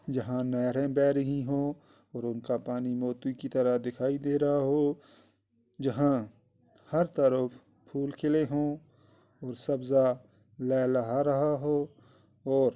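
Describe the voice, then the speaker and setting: A male schoolteacher with a dark, mellow voice talks his class through a lesson. He goes slowly, says phrases twice and keeps turning to the children with questions. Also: mid-range voice. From Kashmir. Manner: slow and repetitive, addressing the children directly. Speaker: teacher. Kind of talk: classroom lesson explaining a poem.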